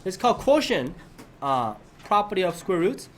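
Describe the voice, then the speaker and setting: A man's voice: high voice, very animated, moderate pace, slight background noise. A man teaching a math lesson to his class, often prompting students with questions and checking that they follow.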